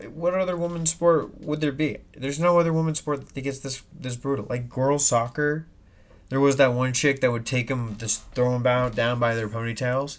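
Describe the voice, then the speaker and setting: A man hosting a solo podcast, rambling and swearing with many restarts, in a slightly nasal voice, with an air filter and ceiling fan humming in the background. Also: medium pitch. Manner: rambling, profane, full of restarts and asides. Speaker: podcast host. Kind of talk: casual solo podcast rant. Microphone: desk mic, no headphones.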